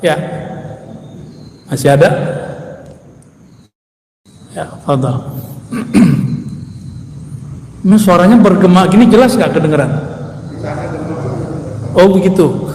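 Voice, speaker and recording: A man preaching a sermon in a relaxed, conversational way, often addressing his listeners directly. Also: high-pitched, takes it slowly, pauses often. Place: echoing hall. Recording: echoey hall recording.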